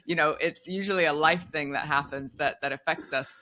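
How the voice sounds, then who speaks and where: A woman in her forties appears as a podcast guest, a psychotherapist sharing her story. She talks candidly and reflectively, working through her thoughts out loud in an easy conversational flow. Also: deep voice, a little fast. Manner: reflective, frank, thinks aloud with fillers.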